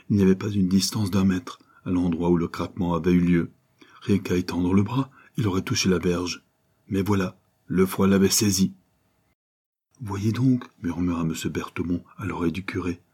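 Low husky male audiobook reader. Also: darkish tone. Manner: measured, dramatic reading, rising for quoted cries. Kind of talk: scripted narration of a novel.

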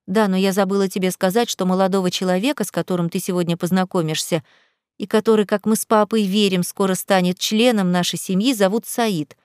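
A woman's voice: mid-range voice, steady tone, brisk, a little mellow, smooth, no room sound, clean studio sound, natural voice. A woman voicing a scheming middle-aged mother who coos in a falsely affectionate way. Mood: fake sweet. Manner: cooing, put-on affectionate.

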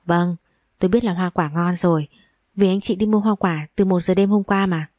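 A woman's voice: lowish voice, fairly even intonation, normal speed, darkish tone, no echo, studio quality, natural voice. A woman reading as a sarcastic older mother. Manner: sarcastic, mock-stern. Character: sharp-tongued older mother.

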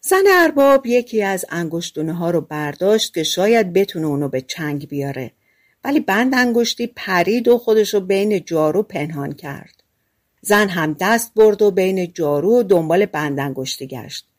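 A woman reading a fairy tale aloud as an audiobook narrator, lively and giving the characters their own lines. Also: lowish voice. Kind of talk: storybook narration.

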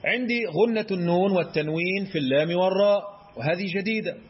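A man's voice: high voice, lo-fi sound, a little hiss or hum. A man with an Egyptian Arabic accent teaching Quran recitation rules, quizzing his listeners and answering his own questions. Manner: chants verse examples in a drawn-out recitation tone. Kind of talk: explanatory lesson.

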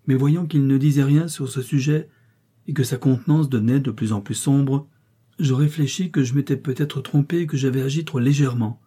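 Husky dark-voiced male narrator. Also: mid-range voice, steady tone, fairly quick. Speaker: audiobook reader. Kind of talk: scripted literary narration.

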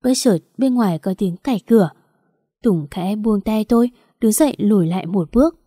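Female storyteller, first-person narration, earnest and emotional, mellow tone, dry close mic. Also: mid-range voice, animated, moderate pace, breathy edge, no room sound.

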